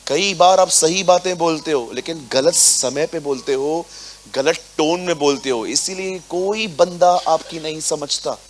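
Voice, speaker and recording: A man preaching a sermon to a congregation, animated, acting out little scenes and mixing words into his talk. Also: a little high. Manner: animated, acts out little scenes, mixes English into Hindi. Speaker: pastor. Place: church hall with congregation.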